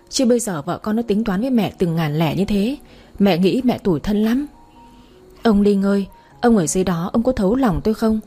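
A scornful, sharp-tongued old mother-in-law, as a woman reading a storybook puts her on, scolding fast and shrill, then sliding into a low, pitiful wail. The voice is mellow and a little husky underneath. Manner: scolding, then wailing self-pity.

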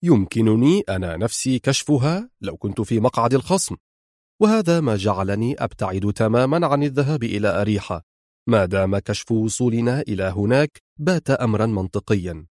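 Audiobook: male narrator playing a calm, resolute young officer with a lively, expressive read. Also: on the low side, no room sound, studio quality. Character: cool, firm, clever young male army lieutenant.

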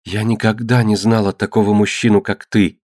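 A man's voice: lowish voice, little pitch movement, moderate pace, a little mellow, dry recording, clean studio sound, natural voice. A man reading the lines of a fierce young slave girl in an audiobook, urgent and defiant. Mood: feigned surrender.

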